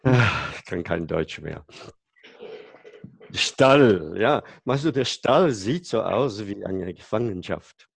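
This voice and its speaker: A male preacher speaks in a lowish, creaky voice. He moves slowly and haltingly, searching for words and asking his listeners questions. The sound is dry and close. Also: lively intonation, no room sound. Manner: halting, searching for German words, self-interrupting; asks listeners rhetorical questions. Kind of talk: conversational sermon to congregation.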